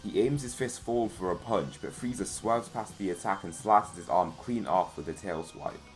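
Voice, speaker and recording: Low-voiced man narrating a fan story. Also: normal speed. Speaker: channel host and narrator. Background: faint music.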